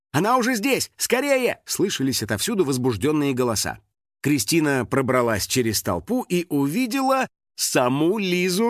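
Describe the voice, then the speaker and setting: Lively male audiobook narrator. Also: a little high, dry recording, studio quality. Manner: expressive storytelling. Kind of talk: scripted narration.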